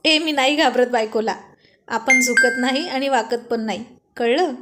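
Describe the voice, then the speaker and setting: A woman's voice: high voice, normal speed, heavy background noise, lightly acted. A woman reading the lines of a playful young married man who banters and mock-scolds his friends. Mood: teasing.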